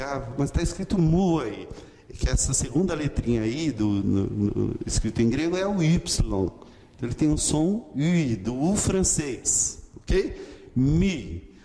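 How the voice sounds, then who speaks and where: A man teaching an online lesson, explaining slowly and often checking in with "ok?". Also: medium pitch, dark tone, in a large hall, slight background noise. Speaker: Greek teacher.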